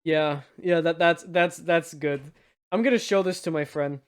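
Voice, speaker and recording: Tipsy, high-voiced male podcast host. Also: moderate pace, clean tone. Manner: tipsy, from drinking on the show. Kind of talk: casual movie review banter.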